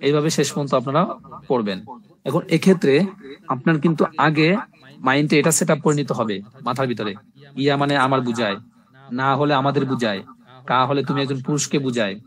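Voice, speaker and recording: A male Arabic teacher giving a live online class, explaining step by step and drilling word forms in slow repeated lists. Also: mid-range voice. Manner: explains step by step, often checking "ঠিক আছে?".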